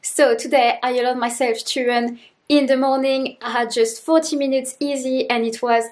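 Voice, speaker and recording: Woman doing a chatty vlog, pretty high voice, casual talk to camera. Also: fairly even intonation, moderate pace, roomy sound. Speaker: vlogger, amateur runner.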